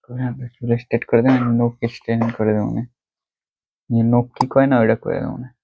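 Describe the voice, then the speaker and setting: A man's voice: medium pitch, flat delivery, fast, vocal fry, narrow, tinny audio, a little hiss or hum. A young man hosting a casual prank vlog, protesting and pleading as he talks. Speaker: prank vlogger.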